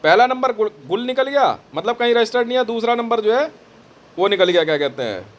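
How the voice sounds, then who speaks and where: A man telling a dramatic story in a boastful, animated way, quoting the dialogue as he goes. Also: very high-pitched, fairly quick. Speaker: vlogger recounting phone calls.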